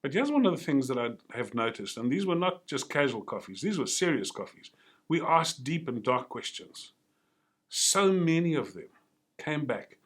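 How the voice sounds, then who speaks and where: In a mid-range, slightly bright voice, a man gives an earnest, encouraging motivational talk to teachers. He weaves stories into his speech as he goes.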